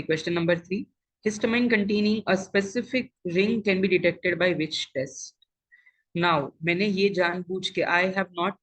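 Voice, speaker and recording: Husky Indian-accented online exam coach, sex ambiguous. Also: medium pitch, fairly bright tone, low-quality recording. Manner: switches between English and Hindi, repeats phrases and checks for agreement. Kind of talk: interactive lecture, quizzing students. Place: live online class over video call.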